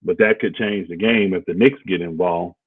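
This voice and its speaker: On a relaxed basketball talk stream, a co-host with a deep, husky voice speaks at a moderate pace, meandering and thinking aloud with many fillers. The sound is dry and phone-like, with no room echo.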